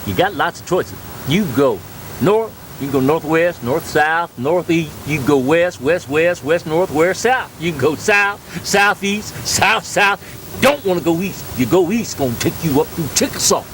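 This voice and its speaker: Man playing a rambling old country gas attendant, high folksy voice. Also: expressive, a little slow, a bit bright, slight background noise. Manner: rambling, folksy, repeats himself, cackles.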